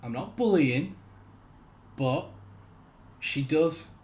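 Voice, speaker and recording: A man's voice: fairly high pitch, lively intonation, very slow, darkish tone, slight background noise. A young man hosting a reaction video, talking sarcastically, mocking and swearing freely.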